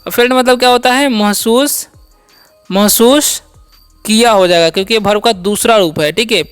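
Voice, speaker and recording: An English teacher giving a slow spelling and pronunciation lesson, asking questions and answering them to drill each word. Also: mid-range voice, clear, resonant tone, soft background music. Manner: spells words letter by letter slowly.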